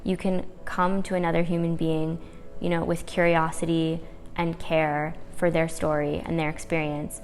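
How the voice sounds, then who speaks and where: Gravelly, flat-voiced woman in reverberant room. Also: sits low, normal speed. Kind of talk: interview testimonial.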